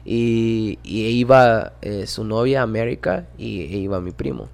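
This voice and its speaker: A man in his twenties with a Mexican accent, a podcast guest telling a story in casual chat, animated, slangy and swearing often. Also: fairly low pitch, a little slow, vocal fry. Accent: Mexican Spanish. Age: 20s.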